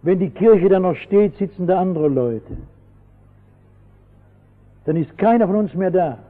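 A man's voice: high-pitched, lively intonation, measured pace. Fervent preacher man, tinny old broadcast. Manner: fervent, dramatic storytelling with sudden shouts. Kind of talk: sermon. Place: church. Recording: tinny old radio broadcast with long hall reverb.

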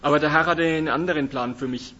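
A man's voice: fairly high pitch, fairly even intonation, quick pace, sharp tone. A man interpreting a sermon phrase by phrase, sometimes correcting himself mid-sentence. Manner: renders each phrase right after the speaker, with fillers and self-corrections. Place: church hall in the evening. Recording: dull lo-fi sound.

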